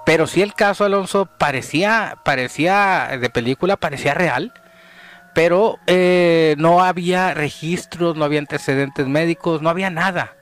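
A man with a Mexican accent telling a story in casual chat, animated and dropping to hushed tones at tense moments. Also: a little high, moderate pace, faint music behind. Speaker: podcast guest telling a story.

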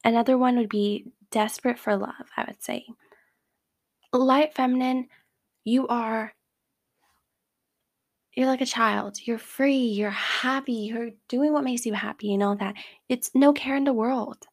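A woman's voice: a little high, steady tone, unhurried, pauses often. A woman hosting a casual advice talk, speaking in a chatty way with lots of fillers like "like.". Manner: acts out quoted remarks in a brighter voice. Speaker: host giving advice.

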